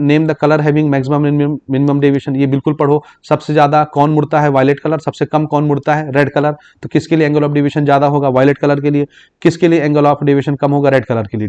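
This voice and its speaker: A man's voice: fairly high pitch, darkish tone, muffled recording. A man teaching an exam-prep physics lesson, mixing Hindi with English terms and often checking "okay?" with his students. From Chhattisgarh, India. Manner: explains in Hindi mixed with English terms, repeating "ठीक" to check understanding; reads English exam questions slowly aloud.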